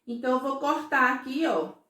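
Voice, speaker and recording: A woman's voice: high voice, fairly even intonation, pushed and bright, reverberant. A woman teaching a first-grade class in Brazilian Portuguese, speaking patiently and often checking that the children follow. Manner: slow, patient, asks children "certo?" and "ó" often. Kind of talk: recorded remote class for young children.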